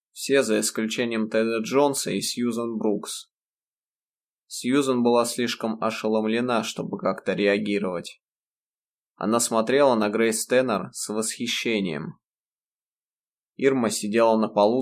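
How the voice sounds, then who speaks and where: A man narrating a novel in the first person, reading in a measured, even storytelling voice. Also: fairly low pitch. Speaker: audiobook narrator.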